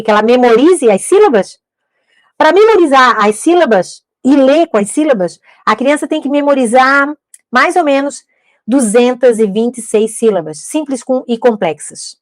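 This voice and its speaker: A woman in middle age with a high, bright-pitched voice lectures teachers. She is emphatic, circling back to key points and throwing out rhetorical questions. The sound is close and dry, with no room around it. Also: no room sound. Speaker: educator teaching literacy teachers. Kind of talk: instructional talk to camera.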